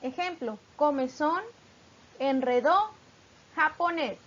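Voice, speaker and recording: High-voiced woman teaching a lesson. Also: fairly bright tone, lo-fi sound. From Mexico. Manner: patient explanatory, reads examples slowly syllable by syllable. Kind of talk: recorded lesson narration.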